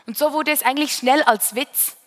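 Swiss woman preacher, Bern region, somewhat high voice, chatty sermon with tag questions, long reverb. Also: steady tone, moderate pace. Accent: Swiss German. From Switzerland, Bern region.

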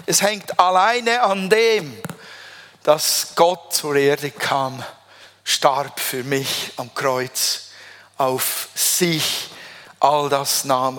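A man preaching a sermon, emphatic, slowing down to stress key phrases. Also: medium pitch, fairly bright tone. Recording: long reverb of a large hall.

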